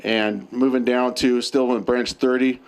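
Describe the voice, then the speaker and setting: An American man, a night operations officer, giving a halting, matter-of-fact status report at a briefing. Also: medium pitch, level tone.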